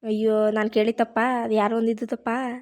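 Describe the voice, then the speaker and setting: A woman's voice: on the high side, flat delivery, brisk, darkish tone. A woman in a village comedy skit, scolding and complaining. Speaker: comic actor playing a village wife.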